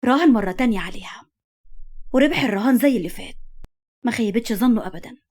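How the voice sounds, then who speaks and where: Fast-reading woman storyteller, Egyptian accent. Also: on the high side, a little mellow. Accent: Egyptian Arabic. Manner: dramatic storytelling. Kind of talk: scripted narration.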